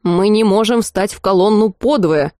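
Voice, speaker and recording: A woman voicing an indignant three-headed male dragon who yells and shrieks his complaints in an audiobook. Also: normal speed, no echo, studio quality, close to an everyday voice. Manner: shrill, yelling.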